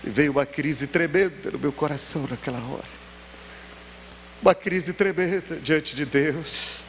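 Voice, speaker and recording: A man's voice: fairly high pitch, measured pace. A male pastor preaching in a church hall, telling a story and acting out the dialogue. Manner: animated, acts out dialogue. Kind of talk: sermon storytelling. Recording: echoey church hall, faint noise.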